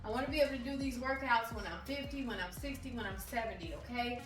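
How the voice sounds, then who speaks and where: A fitness vlogger in her forties talks fast in a voice on the high side, encouraging viewers and checking in with "okay?" again and again. She sounds distant in an echoey room, with music behind her.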